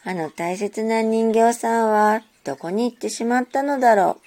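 Gentle woman reading a children's story. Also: on the high side, moderate pace.

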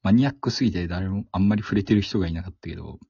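A man hosts a podcast, chatting casually and often acting out quoted reactions in a low, very husky voice. The recording is dry, with no room sound, and dull in a lo-fi way. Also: very fast, mellow, no echo. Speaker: podcast host. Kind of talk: casual chat about a film.

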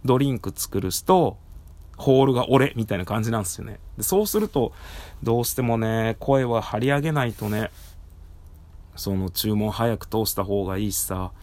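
A man hosts a casual solo talk in a slightly low voice. His throat sounds hoarse and tired. He speaks through a face mask, so the words come out a little muffled. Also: normal speed, darkish tone. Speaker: podcast host and live streamer. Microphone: recorded through a face mask.

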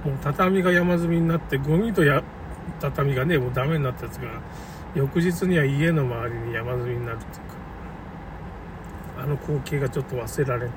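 His mid-range voice stays steady as he moves at a brisk clip through an unscripted, chatty monologue about a local flood, full of opinions and tangents. The mic sits far off, and the noisy audio carries cars and outdoor background.

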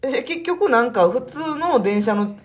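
A woman's voice: on the high side, animated, unhurried. A woman with a Kansai accent co-hosting a casual radio chat, often chiming in with short replies and dry jokes. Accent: Kansai Japanese. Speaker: radio co-host.

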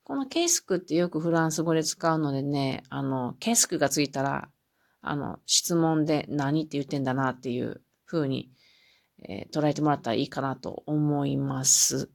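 A woman teaching French on a solo podcast, explaining patiently with many fillers and reading example phrases slowly twice. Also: low-pitched, creaky, darkish tone. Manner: reads French phrases slowly, then repeats them.

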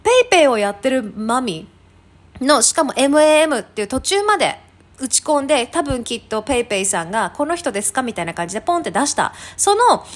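High, lively woman chatting and laughing. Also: fast. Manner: chatty, laughing storyteller with many fillers. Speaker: podcast host. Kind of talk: casual chat.

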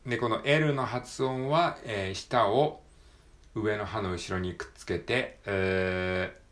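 A man with a Japanese accent talks through English pronunciation on his own, explaining points, then repeating words and phrases slowly and with emphasis. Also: on the low side, fairly bright tone. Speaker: English pronunciation practice podcaster. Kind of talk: solo read-aloud practice with commentary.

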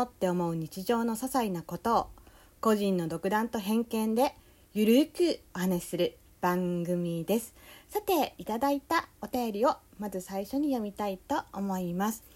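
A young woman with a Kansai accent hosting a relaxed solo talk show, meandering along with plenty of fillers. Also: mid-range voice, unhurried. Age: young adult. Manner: easygoing, meandering, full of fillers. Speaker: podcast host.

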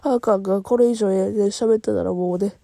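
A woman's voice: mid-range voice, fairly even intonation, normal speed, creaky, dark tone, no echo, studio quality. A woman with a Kansai accent hosting her own podcast, talking casually while crying, her voice nasal and stuffed up, rambling with many fillers. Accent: Kansai Japanese. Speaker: podcast host. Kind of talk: solo casual talk.

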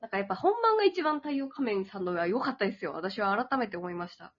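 Animated laughing woman, husky voice. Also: mid-range voice, quick pace. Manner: laughs often, animated, acts out quoted reactions. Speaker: podcast host. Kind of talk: casual chat. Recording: dull lo-fi audio.

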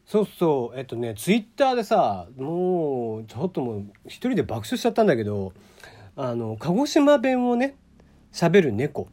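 A man from Kagoshima hosts a relaxed solo podcast and keeps it chatty and loose. His pitch rises and falls freely while he talks. He laughs often and leans on fillers. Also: normal speed. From Kagoshima, Japan. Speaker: podcast host. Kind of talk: casual solo podcast talk.

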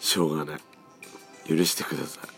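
A hoarse man around forty with a cold, hosting a casual solo podcast, chatty and rambling, often letting his voice drop and trail off. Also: rumbling low, fairly even intonation, fast talker, fairly bright tone, soft background music. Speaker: podcast host.

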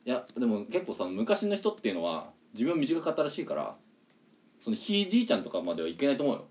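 A young man co-hosting a casual podcast chat, teasing his partner with quick retorts. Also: medium pitch, huge pitch swings, a little mellow. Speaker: podcast co-host.

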